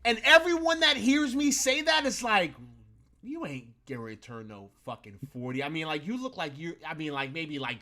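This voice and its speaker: Ranting and boasting with heavy profanity, a late-thirties sports talk host chats casually on his live stream. He speaks a little fast, his fairly high voice sharp in tone and swinging widely in pitch.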